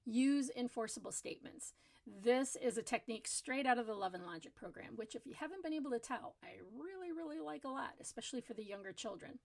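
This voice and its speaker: A middle-aged woman with a slightly high voice hosts a parenting advice channel. She talks casually to the camera and explains each tip earnestly, doubling words like "really, really" for emphasis. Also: animated, fast, creaky, few pauses.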